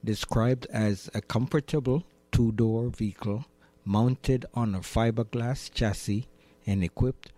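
A man's voice: medium pitch, steady tone, measured pace, warm tone, no room sound. A man presenting on radio, reading scripted facts and weather forecasts.

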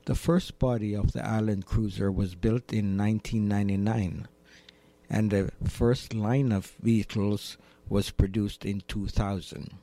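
A man's voice: lowish voice, fairly even intonation, measured pace, mellow. A man presenting on radio, reading scripted facts and weather forecasts.

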